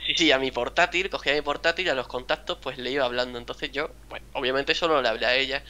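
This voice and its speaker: Casting note: man, guest in a casual chat, bright tone, rambling storyteller. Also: medium pitch, fast. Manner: rambling, laughing storyteller with fillers. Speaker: guest, clan leader.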